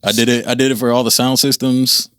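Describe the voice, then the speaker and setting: A man's voice: mid-range voice, little pitch movement, fast, a bit bright, clear, resonant tone, no echo, clean studio sound. A man chiming in with jokes and short quips during a casual chat. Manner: joking, laughs, short quips.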